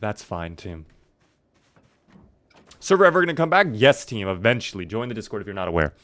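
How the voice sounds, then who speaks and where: Clear-voiced man live-streaming a video game. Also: lowish voice, expressive, fairly quick, fairly bright tone, no room sound. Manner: wry, mock-dramatic, talking to viewers as a team. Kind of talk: casual live game commentary, chatting with viewers.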